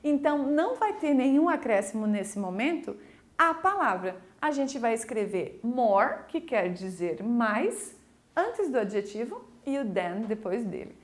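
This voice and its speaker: A woman English teacher with a Brazilian Portuguese accent, giving a recorded school video lesson in a lively, coaxing way. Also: on the high side. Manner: lively, coaxing, slow deliberate explanations.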